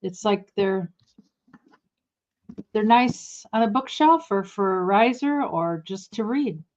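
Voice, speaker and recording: A woman's voice: medium pitch, lively intonation, slow, a little mellow, dull audio. A woman running a casual live online auction, chatting in a rambling way and correcting herself as she goes. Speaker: livestream auction seller. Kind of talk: casual live-sale chat.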